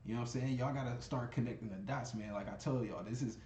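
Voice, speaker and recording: A man's voice: medium pitch, fast talker, darkish tone. A man hosting a casual crypto video, chatting to viewers as he scrolls through web pages. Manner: conversational, addresses viewers as y'all, repeats "you know what I'm saying". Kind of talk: casual screen-share commentary. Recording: echoey room, faint ambient noise.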